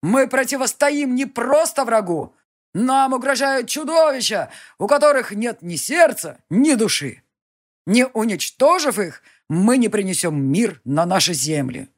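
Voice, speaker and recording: A woman voicing a fiery male leader who rouses a crowd with slow, solemn, declamatory speeches. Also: a little high, sing-song, voice pushed up. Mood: rousing.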